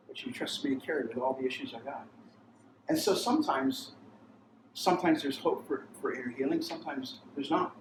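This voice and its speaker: A man's voice: medium pitch, background noise. A pastor telling a rambling personal testimony in a sermon, acting out the voices he quotes. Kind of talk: testimony sermon at a mission training. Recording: roomy sound, mic far off, faint ambience.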